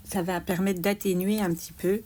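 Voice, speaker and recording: A woman calmly explaining a card-making craft step by step, with little asides as she works. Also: lowish voice. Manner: slow, explaining each step aloud, small "hop" asides. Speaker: craft demonstrator.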